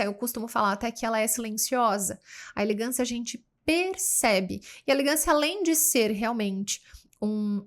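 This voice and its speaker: A woman co-hosting a podcast, speaking in a calm, measured, reflective way. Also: fairly high pitch. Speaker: podcast co-host.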